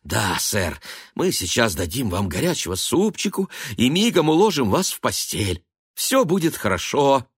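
A man's voice: mid-range voice, very animated, extremely slow, pushed and bright, no echo, studio quality, voice pushed up, heavily acted. A man voicing a young adult son who urgently pleads with his drunk father and his mother. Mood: soothing.

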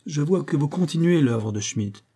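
A man's voice: a little high, lively intonation, normal speed, mellow, pitched above the performer's own voice. A man voicing a mocking, cold-blooded master criminal in an audiobook, speaking in a raised, sneering voice. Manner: sneering, icy.

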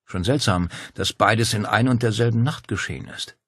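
A man reads a composed female police commissioner from an audiobook. She talks in a measured, explaining way, lifted above the reader's low register, with a slightly husky, dry sound. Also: fairly bright tone, no echo. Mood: earnest. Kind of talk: audiobook character voice.

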